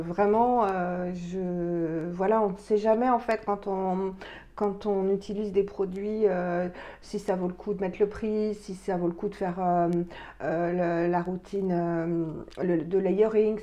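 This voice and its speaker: A woman's voice: mid-range voice, warm tone. A woman in her fifties chatting through a skincare review with many fillers and restarts. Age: 50s. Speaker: beauty vlogger. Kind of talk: casual product review.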